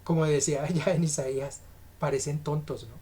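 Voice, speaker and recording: A woman's voice: low voice, steady tone, normal speed, warm tone. A woman preaching an evening sermon, reading scripture aloud and explaining it emphatically, often asking her listeners direct questions.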